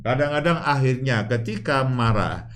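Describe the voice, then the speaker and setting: A man's voice: medium pitch, lively intonation, normal speed. A man co-hosting a show on marriage with his wife. He explains step by step, opens many lines with "nah," and laughs easily as he teases her. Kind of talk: instructive talk on marriage.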